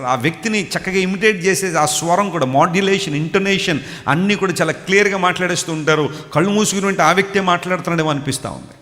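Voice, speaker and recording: Male pastor, sermon, storytelling, asks the crowd, high voice, long hall reverb. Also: fairly bright tone. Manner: storytelling preacher, addresses listeners directly.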